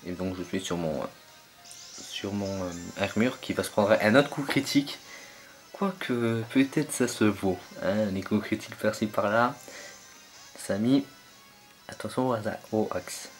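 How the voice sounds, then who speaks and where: A man's voice: lowish voice, unhurried, soft background music. A young man commentating his own online battle game match, hesitant and full of fillers as he searches for names.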